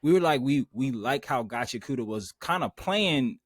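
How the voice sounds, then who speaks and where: A man co-hosting a laid-back anime podcast, talking fast and loose in slang. He often breaks into higher, louder voices to act out characters' lines. The sound is dry and close, with a mid pitch for a man. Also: no echo. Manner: animated, slangy, quotes characters in raised voices. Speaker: podcast co-host. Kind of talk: casual anime discussion.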